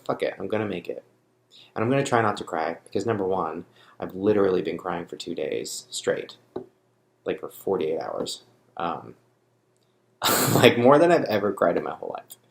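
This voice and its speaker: Young guy vlogging, swears a lot, rambly and raw, gravelly voice in an echoey room. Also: deep voice. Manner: blunt, profane, rambling, raw with grief. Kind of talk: unscripted confessional monologue to camera. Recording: roomy echo.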